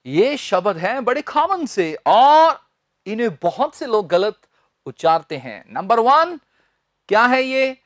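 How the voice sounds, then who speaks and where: A man teaching spoken English, repeating words slowly and talking directly and informally to his students. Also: very high voice, very animated, dry recording, studio quality. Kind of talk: pronunciation lesson.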